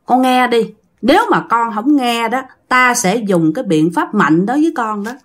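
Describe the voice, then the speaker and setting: A woman voicing a calm, gentle old male exorcist who questions softly and patiently. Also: fairly high pitch, normal speed.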